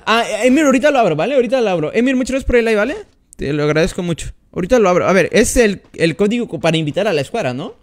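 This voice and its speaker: A man's voice: sits high, expressive, very fast. A man commenting on his mobile gameplay during a live stream, chatting and greeting each viewer by name as he plays. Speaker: gaming streamer.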